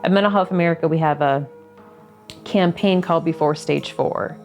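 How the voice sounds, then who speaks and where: A woman advocate with a fairly low voice, laying out information in a clear, plain way. Faint music runs in the background. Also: normal speed, darkish tone. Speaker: mental health advocate. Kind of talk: documentary interview.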